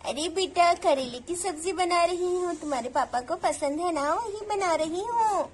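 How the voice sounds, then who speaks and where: A woman's voice: very high voice, lively intonation, normal speed. A woman voicing a cheerful village mother in a cartoon doll story, coaxing and sing-song as she talks to children and a baby.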